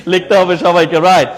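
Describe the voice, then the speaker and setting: A man with a Bangladeshi Bengali accent teaches a room of teachers, drilling them with call-and-response questions and joking with them. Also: very high-pitched. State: sweating. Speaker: teacher trainer. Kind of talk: classroom teaching. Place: training classroom.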